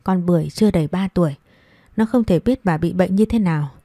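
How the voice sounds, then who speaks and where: A woman storyteller with a low, mellow voice reads a story aloud in a steady, even manner. The recording is dry and close, with no room sound. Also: brisk, no room sound. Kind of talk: scripted narration.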